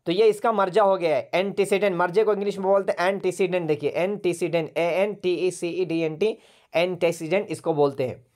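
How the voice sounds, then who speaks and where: A man's voice: high-pitched, fairly even intonation, brisk, a little mellow. A man teaching an online English grammar class over a video call, patiently repeating words and spelling them out letter by letter.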